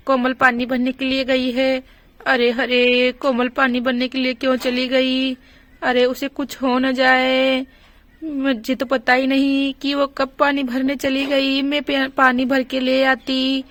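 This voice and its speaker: Brief: a woman as a fussing, scolding village mother, high even voice, slow, doll story. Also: no room sound. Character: fretful village mother, sister-in-law. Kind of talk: doll story role-play.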